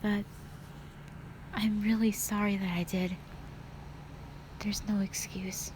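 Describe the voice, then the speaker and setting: A woman's natural, mid-range voice, flat and slow, brings a fragile, remorseful young hospital patient to life in an audio roleplay. She sounds subdued, hesitating and apologizing with sighs between short phrases, while piano music and background noise play behind her.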